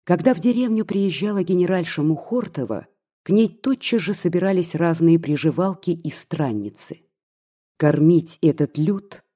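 Calm audiobook narrator, husky and mellow, steady telling. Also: medium pitch. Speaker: audiobook reader.

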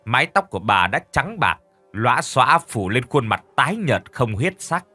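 A male narrator reads a horror story with lively, sweeping intonation at a middle pitch. He slows and speeds up for suspense. Quiet music runs under his voice. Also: husky, dry recording. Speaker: audiobook narrator.

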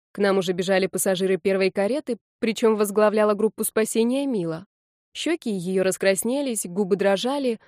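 A woman narrates a first-person fantasy story in a lively, wry way. Her tone is mellow and dark, recorded dry and close with no room sound. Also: medium pitch, dry recording.

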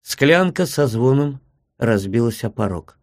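Husky, gravelly male storyteller. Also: medium pitch, lively intonation, measured pace, dry recording, clean studio sound. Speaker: audiobook narrator. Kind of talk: scripted narration of classic prose.

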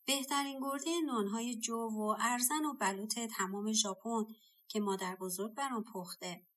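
A woman reading the lines of a calm, determined young boy hero in a storybook, in a lower, softer tone. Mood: calm resolve.

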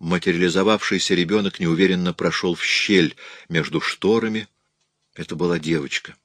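A man with a very deep voice narrates a story in a measured, steady way. The recording is dry and close, with no room sound. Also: dry recording. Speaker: audiobook narrator. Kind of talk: scripted narration.

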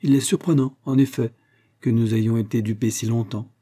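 A man's voice: mid-range voice, fairly even intonation, moderate pace, warm tone, lightly acted. A man voicing a clever, proud young woman in a read-aloud novel, speaking in a raised, earnest way.

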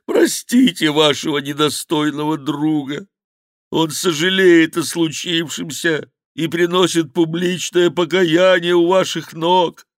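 A man voicing a fat, cowardly male monk who wails and pleads loudly, in a high, drawn-out voice in an audiobook. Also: steady tone, no echo, clean studio sound, natural voice. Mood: wailing. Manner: wailing, pleading, loud lamenting.

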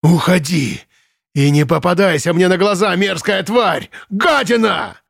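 A man reading the part of a drunk, raging male Nazi camp commandant in an audiobook, shouting and ranting in a bullying, unhinged way. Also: very animated, extremely slow, creaky, no echo, clean studio sound, full character voice. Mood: screaming. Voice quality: shrill, furious shouting.

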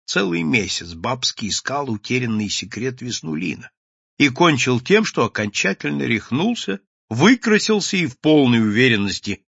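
A man narrating an audiobook in a theatrical, expressive reading. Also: mid-range voice, gravelly, husky, no room sound. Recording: dull lo-fi recording.

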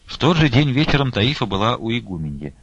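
A man narrating an audiobook in a measured, even storytelling manner, on a dull lo-fi recording. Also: mid-range voice, breathy edge, dry recording. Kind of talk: scripted narration of a classic novel.

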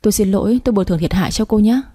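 Woman doing a clumsy polite guy, stammery, sorry all the time, soft husky tone. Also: medium pitch, rapid-fire, lightly acted. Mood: flustered polite. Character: clumsy, apologetic young man, flustered.

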